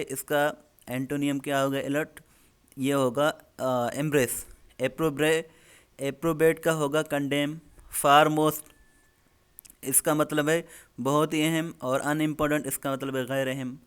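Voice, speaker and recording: A man, explaining an English lesson step by step and slowing down on the English examples. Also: mid-range voice, clear, resonant tone. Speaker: English teacher.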